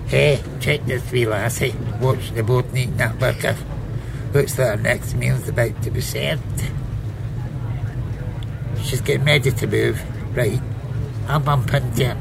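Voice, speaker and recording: An actor playing a scheming, matey Scottish street chancer with sly patter in an audio comedy. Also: male voice, mid-range voice, fairly even intonation, measured pace, gravelly, pauses often, noisy background.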